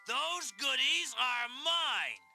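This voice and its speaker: Bright, gravelly, grumpy grouch. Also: high voice, animated, drawn-out words, soft background music, exaggerated voice. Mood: disgusted, bossy. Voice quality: gruff, grating. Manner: sneering, argumentative. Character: grumpy grouch posing as a bird grandmother. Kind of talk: children's storybook acting.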